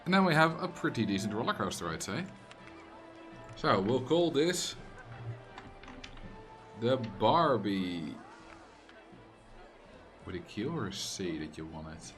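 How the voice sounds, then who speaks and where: Faint music plays behind a young livestreamer from the Netherlands, a native Dutch speaker with a Dutch accent, who casually comments on a game in a lowish, very animated voice. He takes it slowly with long pauses, reading chat aloud, joking back and at times breaking into loud, exasperated rants.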